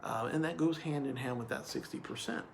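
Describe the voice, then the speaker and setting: Male hiring manager, gravelly tone, earnest, repetitive explainer; noisy background. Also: medium pitch, brisk. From California. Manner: earnest, repeats points with "okay?". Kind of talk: explainer video monologue.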